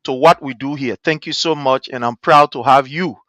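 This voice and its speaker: A man with a Liberian accent hosting a livestream panel, speaking in a lively, rhetorical way and calling panelists brother. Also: mid-range voice, normal speed, no room sound. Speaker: host.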